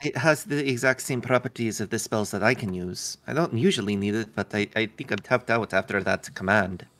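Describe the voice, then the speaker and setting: A man's voice: lowish voice, brisk, fairly bright tone. A man playing a tabletop game, casually narrating what his character does. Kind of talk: casual role-play narration.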